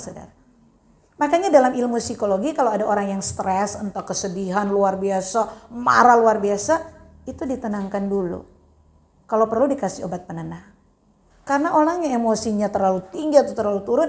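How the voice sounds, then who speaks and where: A woman pastor preaching a sermon in church, telling the story with lively acted-out voices and big swings in her delivery. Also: a little high.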